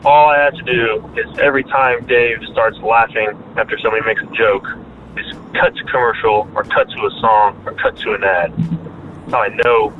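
A man's voice: medium pitch, steady tone, normal speed, a little hiss or hum. A man leaving a cheeky, teasing voicemail for a radio show, heard over a phone line. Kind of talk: casual voicemail message.

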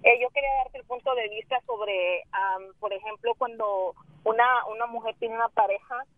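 A woman's voice: on the high side, normal speed, no echo. Eager woman caller on tinny phone. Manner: eager, friendly. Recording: phone line.

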